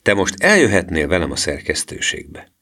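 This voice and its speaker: A man's voice: low-pitched, huge pitch swings, sharp tone, heavily acted. A man voicing a friendly, genial newspaper reporter in a storybook reading.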